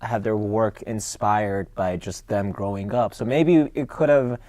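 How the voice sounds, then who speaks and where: A young adult man co-hosting a podcast, talking about a film in a relaxed, eager way and chuckling now and then. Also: fairly low pitch, a little slow, no room sound. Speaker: podcast co-host. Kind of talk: casual chat.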